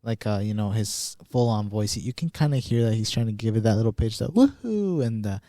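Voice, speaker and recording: A man co-hosts a casual movie podcast, chatting with many fillers and restarts. His voice is warm and mellow. The sound is dry and close. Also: lowish voice, a little fast, no echo. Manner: animated, repeats himself, many fillers. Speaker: podcast co-host. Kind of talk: casual chat.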